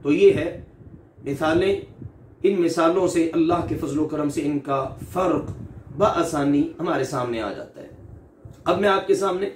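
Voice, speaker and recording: High-voiced man teaching recitation, echoey room. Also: recorded from a distance, a little hiss or hum. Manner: drawn-out, emphatic demonstration of letter sounds; patient, repeats each example. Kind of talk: recorded recitation lesson. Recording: echoey room, off-mic, faint ambience.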